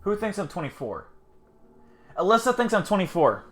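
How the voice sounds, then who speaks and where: A man's voice: sits high, very animated, moderate pace, fairly bright tone. A man hosting a casual livestream, rambling, swearing and joking with his chat. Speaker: livestream host.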